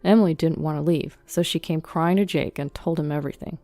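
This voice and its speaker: Low, mellow woman narrating a story. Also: fairly even intonation, fairly quick, no echo, soft background music.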